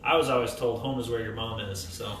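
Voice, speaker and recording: A young man from Idaho who is a dentist, answering interview questions in a friendly, relaxed way inside a small dental office. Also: medium pitch, fairly quick, a little hiss or hum. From Idaho, United States. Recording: echoey room, mic at a distance.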